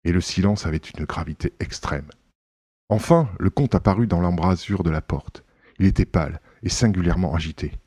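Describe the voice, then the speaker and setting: A man reading a classic novel aloud as an audiobook narrator, in a measured storytelling manner. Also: sits low, a little mellow, breathy edge, dry recording.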